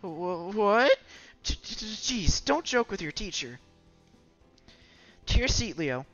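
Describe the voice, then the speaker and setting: A man voicing a clumsy, excitable young female teacher who stammers when flustered. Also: on the high side, moderate pace, pitched above the performer's own voice. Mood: embarrassed. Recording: slightly dull with music behind.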